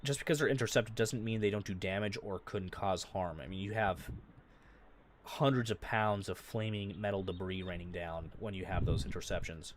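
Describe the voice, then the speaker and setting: A man's voice: fairly low pitch, fairly even intonation, normal speed, a little hiss or hum. A man hosting a live breaking-news stream, reading viewer comments aloud and talking unscripted with frequent fillers. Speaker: livestream news host.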